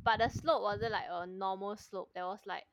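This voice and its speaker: A woman's voice: mid-range voice, fairly even intonation, normal speed, no echo. A young woman with a Singaporean accent, chatting casually in colloquial Singlish with particles at the ends of her sentences. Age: young adult. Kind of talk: casual chat.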